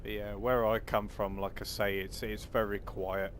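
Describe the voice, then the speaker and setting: A man's voice: fairly low pitch, level tone, normal speed. A man from Cornwall with a Cornish accent, chatting in an easygoing, rambling way as he livestreams a game. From Cornwall, southwest England. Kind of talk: casual chat over gameplay. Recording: clear background vehicle noise.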